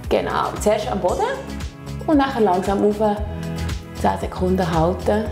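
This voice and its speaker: Music runs in the background as a woman with a mid-range, gravelly voice talks unhurriedly with a Swiss accent. She patiently and encouragingly takes a learner step by step through stretching and back exercises, frequently tagging sentences with "oder?".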